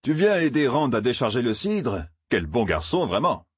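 A man's voice: mid-range voice, very animated, normal speed, breathy edge, no echo, studio quality, pitched above the performer's own voice. A man voicing a jovial middle-aged farmer father who teases the young men. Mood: teasing.

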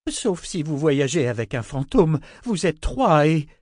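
A man voicing an indignant innkeeper's wife who shouts in outrage. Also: sing-song, measured pace, no echo, studio quality, heavily acted. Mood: outraged. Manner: shrill and outraged.

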